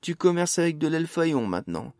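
A man's voice: a little high, sing-song, brisk, darkish tone, no echo, clean studio sound, pitched above the performer's own voice. A man voicing a young male dwarf gang leader in an audiobook, speaking hard and curt with swearing. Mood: hard hostile. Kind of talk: audiobook character voice.

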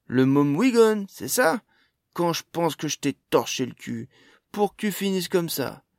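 Man putting on a high, loud female dwarf, mocking, slangy, gravelly edge, storybook. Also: big pitch swings, unhurried, no room sound, studio quality, heavily acted. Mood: mocking defiant. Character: brash, sharp-tongued female dwarf, mothering. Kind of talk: audiobook character voice.

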